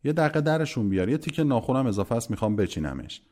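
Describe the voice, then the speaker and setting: A man's voice: mid-range voice, expressive, a little mellow, pitched above the performer's own voice, lightly acted. A man voicing a pestering, grubby eighteen-year-old schoolboy who nags and grumbles in an audiobook. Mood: nagging. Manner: nagging, nosy, grumbling.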